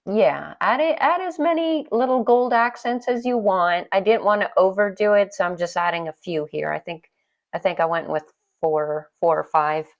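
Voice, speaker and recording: A woman's voice: medium pitch, normal speed. A middle-aged woman narrating a casual painting tutorial in a chatty, self-deprecating way. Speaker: watercolor painting instructor.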